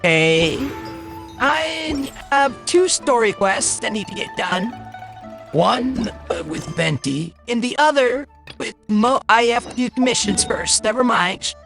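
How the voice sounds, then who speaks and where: A streamer delivers slow, casual gaming commentary on a livestream, blunt and grumbling with exasperation, in an animated, medium-pitched, fairly bright voice with vocal fry. Game music plays, and a voice changer may be involved.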